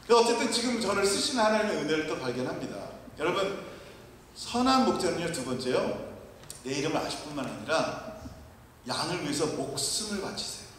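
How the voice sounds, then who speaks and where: A man's voice: a little high, big pitch swings, a little fast, fairly bright tone, slight background noise. A male missionary preaching a sermon, telling stories and asking the congregation questions. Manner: storytelling, asks the congregation questions. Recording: very echoey long-reverb hall, mic far off.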